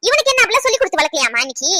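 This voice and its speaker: A woman's voice: extremely high pitch, big pitch swings, rapid-fire, bright, forceful tone, a little hiss or hum, full character voice. A woman voicing a fiery, protective young woman in a cartoon, who talks in a combative, challenging way. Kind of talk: cartoon voice acting.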